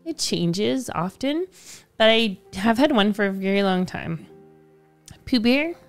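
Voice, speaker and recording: A woman's voice: mid-range voice, lively intonation, a little slow. Playful giggly woman streamer. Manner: giggly, playful, reads chat aloud. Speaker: livestream host. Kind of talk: casual livestream chat. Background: faint background music.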